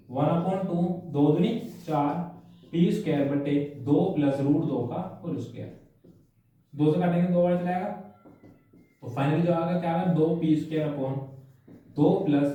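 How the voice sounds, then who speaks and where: High, echoey male maths teacher. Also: normal speed, long pauses, warm tone. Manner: talks through each step, asking rhetorical questions; habitual "है ना" and "ठीक है भैया" tags. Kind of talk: worked-problem maths lesson. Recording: echoey room, mic at a distance.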